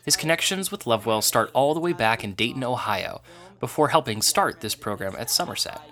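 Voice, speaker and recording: A man, the program director, giving an even, informative scripted voice-over narration. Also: medium pitch, fairly quick.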